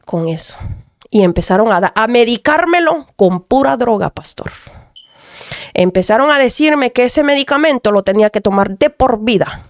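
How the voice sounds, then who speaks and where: A woman's voice: on the high side, animated, moderate pace, no room sound, clean studio sound. Earnest mother giving testimony. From Dominican Republic. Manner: earnest, keeps addressing the pastor. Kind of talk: radio testimony.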